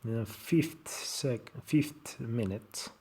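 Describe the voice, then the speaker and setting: Slow-talking man with a Turkish accent. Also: mid-range voice, dark tone, breathy edge. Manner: halting, short fragmented phrases in non-native English. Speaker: tutorial presenter. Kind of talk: informal software screencast tutorial.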